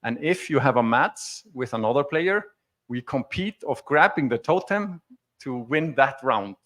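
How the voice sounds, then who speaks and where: Animated and fairly bright in tone, an Icelandic presenter speaks at medium pitch and a measured pace. He gives an informal, conversational, explanatory technical demo from a conference stage before an audience.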